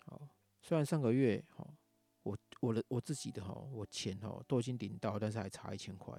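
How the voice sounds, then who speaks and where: A man with a Taiwanese Mandarin accent rants in a casual monologue, cursing freely as he talks. His voice is gravelly and dark. The sound is dry and close, with faint music behind him. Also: on the low side, fairly quick, dry recording. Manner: angry ranting, heavy swearing. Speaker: podcast host.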